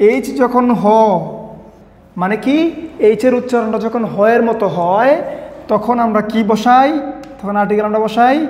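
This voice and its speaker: A man, teaching an English grammar lesson and quizzing his listeners with repeated questions. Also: sits high. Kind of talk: classroom lesson. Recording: echoey room with long reverb.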